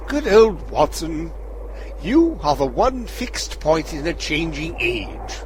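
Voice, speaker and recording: A man's voice: fairly high pitch, very animated, slow, a little mellow, slight background noise. A man playing Sherlock Holmes, a brilliant, aloof detective, in a theatrical, wry manner in an amateur audio drama. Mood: grandiose.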